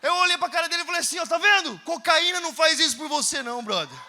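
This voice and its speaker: A male preacher tells a story in a conference sermon, acting out the dialogue and shouting at the peaks. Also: extremely high pitch, lively intonation, fast, heavy background noise. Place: large church hall. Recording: reverberant church hall.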